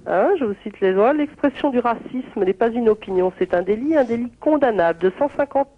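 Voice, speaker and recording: A woman's voice: fairly high pitch, expressive, brisk. Give me a woman caller lecturing indignantly over a phone line. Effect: heard over a phone line. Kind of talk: prank phone call.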